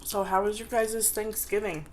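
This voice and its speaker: A woman's voice: mid-range voice, fairly even intonation, moderate pace, slight background noise. A woman chatting casually to viewers on an eating show, chewing as she talks and eating between phrases. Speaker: mukbang vlogger.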